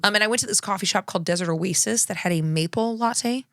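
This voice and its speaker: Food and travel get an enthusiastic treatment from this female podcast co-host in a casual chat. Her medium-pitched voice is a bit bright and quick, and she tends to trail off before restarting what she's saying.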